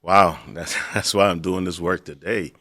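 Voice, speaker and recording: Deep-voiced man from the Bahamas. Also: steady tone, a little slow, pushed and bright, no room sound, clean studio sound. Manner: reflective, earnest. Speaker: guest. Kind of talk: interview storytelling.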